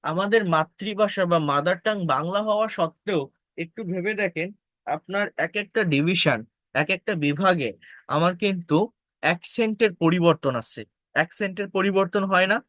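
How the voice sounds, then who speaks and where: A man's voice: high-pitched, moderate pace, a bit bright, no echo. A man teaching an English pronunciation lesson, explaining patiently, repeating key points and speaking directly to his viewers. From Bangladesh.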